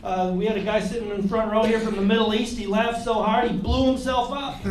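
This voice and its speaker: A man's voice: sits high, background noise. A male comedian headlining a club, telling loose, conversational stories and chatting with the audience. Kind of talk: storytelling stand-up. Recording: roomy club, distant mic, loud crowd laughter.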